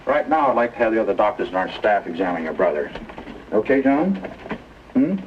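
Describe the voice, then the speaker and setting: The muffled, noisy soundtrack comes from a 1950s television drama where an American actor with a lowish voice portrays a plain-spoken, calm doctor. His manner is folksy and measured, and he's reassuring with young patients.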